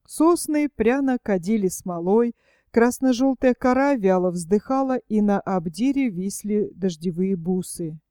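A woman reading a literary story aloud as an audiobook narrator, in a steady storytelling manner. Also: medium pitch, unhurried, smooth, dry recording, clean studio sound.

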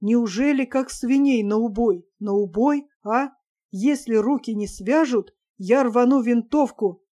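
A woman's voice: on the high side, a little slow, warm tone. A woman voicing a bitter, reckless young male officer who talks bluntly and sardonically. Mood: urgent.

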